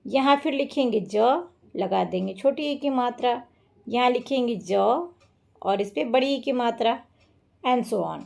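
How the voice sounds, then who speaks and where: Woman teacher, slow and patient, gravelly voice with a slightly high pitch, walking through a workbook. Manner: slow, explains step by step. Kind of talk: workbook lesson walkthrough.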